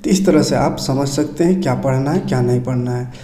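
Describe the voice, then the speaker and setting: A man's voice: medium pitch, a little fast, warm tone. A male teacher casually walking students through a syllabus, explaining item by item with frequent check-in tags. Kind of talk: casual screen-share lesson walkthrough. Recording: echoey room.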